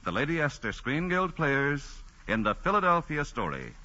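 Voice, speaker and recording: A man's voice: a little high, big pitch swings, normal speed. A man announcing and narrating in a polished, theatrical 1940s radio style. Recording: dull old radio recording with music. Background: loud music.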